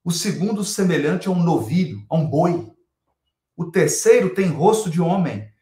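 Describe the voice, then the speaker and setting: A man's voice: a little high, expressive, moderate pace, dark tone, roomy sound. A Brazilian man giving a spiritual lecture on scripture, emphatic, repeating key phrases and asking rhetorical questions.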